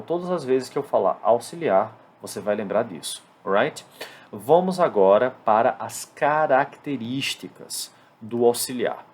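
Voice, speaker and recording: A Brazilian man with a Brazilian Portuguese accent, teaching an English lesson at a whiteboard and slowing down to spell out English examples. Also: medium pitch. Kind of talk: classroom-style lesson at a whiteboard.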